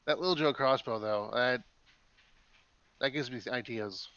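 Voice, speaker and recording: A man's voice: medium pitch, measured pace, a bit bright, clear, resonant tone, no room sound, highs cut off. A man co-hosting a podcast in casual chat, rambling and making jokes. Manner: rambling, joking. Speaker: podcast co-host.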